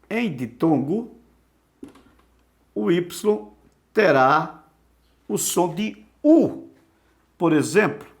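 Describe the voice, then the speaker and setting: Slow, lively-voiced male teacher. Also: fairly high pitch. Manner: answers his own rhetorical questions, repeats words for drilling. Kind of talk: online language lesson.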